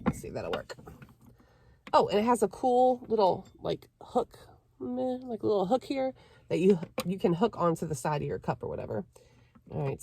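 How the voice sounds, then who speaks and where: A young woman vlogging casually from inside her parked car, chatty and quick to laugh as she talks through what she is doing. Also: on the low side, gravelly, mellow, slight background noise. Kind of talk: casual vlog chat.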